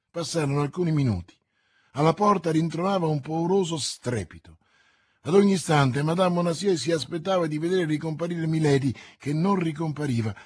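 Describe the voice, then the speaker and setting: A man reads a classic novel aloud in a measured, dramatic way. His voice is somewhat high for a man and husky. The sound is dry and close, with no room echo. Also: a little mellow. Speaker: audiobook narrator. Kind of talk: scripted narration of a classic novel.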